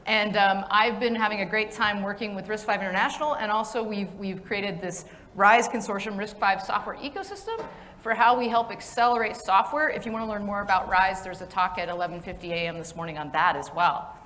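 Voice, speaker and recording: A woman's voice: medium pitch, a little fast, fairly bright tone, slight background noise. A woman hosting a conference breakfast, upbeat and friendly, with fillers and restarts. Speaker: event host and facilitator. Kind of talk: welcoming talk to a breakfast audience. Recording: long hall reverb.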